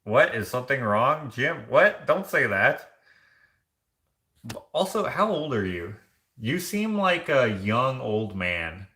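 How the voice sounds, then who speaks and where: A man's voice: medium pitch, very animated, takes it slowly, pushed and bright, reverberant. A man hosting a casual live vlog, chatting loosely and rambling with many fillers and restarts as he reads viewer comments. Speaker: vlogger.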